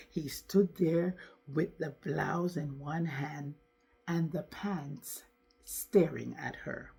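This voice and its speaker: A woman narrating a storytime tale in a slow, deliberate way, with asides to the listener. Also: low-pitched, dark tone, husky.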